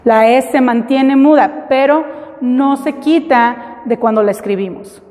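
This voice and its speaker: A woman teaching an English class, slowly and patiently, spelling words out letter by letter. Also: sits high, darkish tone, long reverb tail. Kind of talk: classroom lesson.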